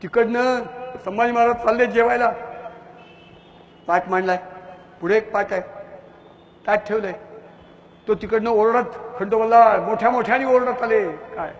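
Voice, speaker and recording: A man's voice: high voice, moderate pace, long pauses, dull audio. A man giving an impassioned, fiery public lecture with a declamatory, insulting delivery. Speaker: public speaker. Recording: echoey hall with long reverb.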